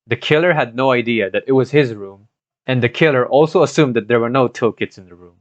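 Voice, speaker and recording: A gaming content creator narrates a scripted video retelling of a game's story, mixing in his own commentary. His medium-pitched voice moves briskly, recorded as a voice-over on a cheap home microphone, with no room sound and a dull, scuffed lo-fi quality.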